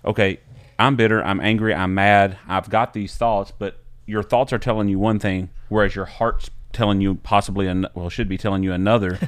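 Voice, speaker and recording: A man hosting a faith-based interview speaks in a low, smooth voice and asks his questions in a measured, probing way. The sound is dry and close. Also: steady tone, no room sound. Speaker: podcast host.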